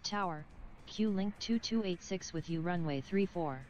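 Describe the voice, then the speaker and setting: A woman voicing an airline pilot over the radio, reading back clearances in clipped, formulaic phrases. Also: on the low side, normal speed, a little mellow, highs cut off, a little hiss or hum. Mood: calm.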